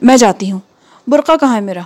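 A woman's voice: fairly high pitch, dark tone, natural voice. Woman doing a fretful, anxious woman in a story. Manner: fretful, pleading. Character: anxious woman fearing for her arriving relative.

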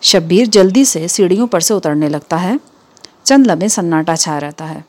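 A woman narrating a story, reading it aloud in an even, measured way. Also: fairly low pitch.

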